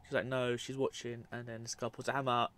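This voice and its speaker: A man's voice: mid-range voice, flat delivery, fast talker, a bit bright. Man rambling casually through clip commentary. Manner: rambling, matter-of-fact with dry asides. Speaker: narrator of a film clip compilation. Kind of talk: casual, unscripted commentary over clips.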